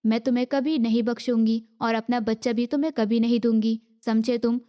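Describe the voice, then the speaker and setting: A woman's voice: on the high side, steady tone, warm tone, close to an everyday voice. A woman reading the part of a jealous, furious young pregnant wife who hurls scornful insults, in an audiobook. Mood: scornful rage.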